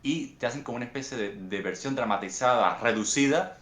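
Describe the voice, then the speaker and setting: A young Cuban man with a Cuban accent talks through his answers in an unhurried, reflective way, often circling back to restart a phrase. His voice sits at an ordinary middle pitch. It carries a noticeable roomy echo. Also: fairly bright tone. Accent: Cuban Spanish. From Cuba. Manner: thoughtful, unhurried storytelling with frequent restarts. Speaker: guest author.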